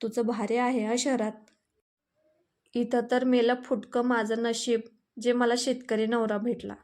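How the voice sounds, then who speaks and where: A woman voicing a spoiled sharp-tongued young wife. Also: a little high, level tone, a little slow, close to an everyday voice. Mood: sulky. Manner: snappy, complaining. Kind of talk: storybook reading.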